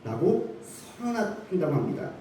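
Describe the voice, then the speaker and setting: A male pastor preaches with a high, lively voice that climbs and dips as he stresses his points. His tone is mellow and dark despite the height. He sounds distant from the mic, caught in the strong echo of a church hall. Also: moderate pace, slight background noise. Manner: animated preaching with rising emphasis and rhetorical questions. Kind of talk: sermon. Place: church sanctuary.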